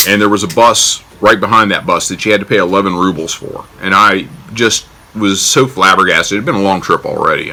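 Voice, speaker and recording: An American man tells a casual personal anecdote, joking in a wry, self-deprecating way. He's a storyteller with a low-pitched voice and a sharp tone.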